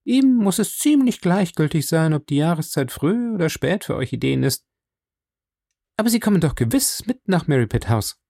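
A man's voice: a little high, big pitch swings, creaky, dark tone, no room sound, clean studio sound, pitched above the performer's own voice, heavily acted. Man voicing a desperate young woman. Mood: stiff. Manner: urgent, pleading, hurried. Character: urgent young woman on a lonely moor.

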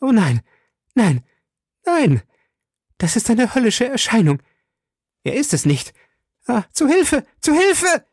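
A desperate noblewoman shrieks high and hoarse, as a man puts her on. The voice is pushed far above a low, gravelly base and stays close and dry, like a storybook reading. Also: wildly swooping pitch, takes it slowly, long pauses, no echo, full character voice. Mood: terrified. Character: terrified accused noblewoman, shrieking.

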